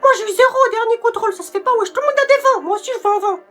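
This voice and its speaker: A man voicing a loud, bratty schoolkid in a comedy sketch. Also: very high voice, very fast, pitched above the performer's own voice.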